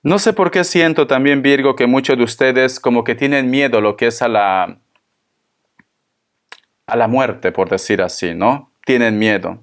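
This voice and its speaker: A man giving a spoken tarot reading, talking to the listener in a consoling, tender way and repeating his phrases. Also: mid-range voice. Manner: slow, repetitive, consoling, addresses the listener tenderly. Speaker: tarot reader.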